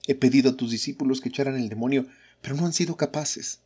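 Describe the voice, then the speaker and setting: A desperate father begs for help for his only son in a scripture reading, voiced by a male reader. The voice is husky and pleading. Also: medium pitch, fast, warm tone, voice pushed up, lightly acted. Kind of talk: scripture reading of spoken lines.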